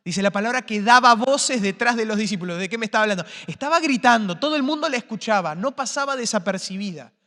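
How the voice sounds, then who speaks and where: A man preaching a sermon as pastor, swinging between impassioned calls and hushed, slow lines. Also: sits high, expressive. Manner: impassioned, rising to shouts then dropping to quiet. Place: church sanctuary. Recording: long church reverb.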